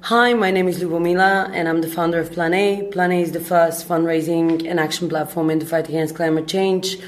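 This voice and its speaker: A woman from Bulgaria, in her thirties, a startup founder answering interview questions in a thoughtful way, often pausing with ums and uhs. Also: on the low side, steady tone.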